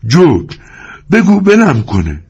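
A man voicing a big, gentle, simple-minded man who pleads in a slow, drawn-out whimper. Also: a little high, wildly swooping pitch, vocal fry, breathy edge, highs cut off, pitched above the performer's own voice, full character voice. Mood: terrified.

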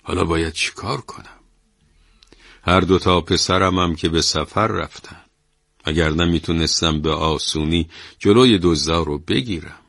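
A man doing a hushed, scheming old merchant. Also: deep voice, gravelly, dry recording, studio quality, full character voice. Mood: worried muttering. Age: older. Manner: hushed, conspiratorial.

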